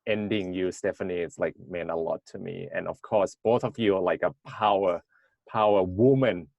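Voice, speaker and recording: Male interviewer, deep-ish gravelly voice, soft-spoken. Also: moderate pace, no room sound, muffled recording. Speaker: podcast host. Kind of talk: casual interview chat.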